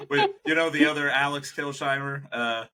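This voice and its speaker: A young man co-hosting a podcast, telling animated stories in casual chat, laughing often and acting out what people said. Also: on the high side, measured pace. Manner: animated storyteller, laughs often, acts out quotes. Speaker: podcast co-host.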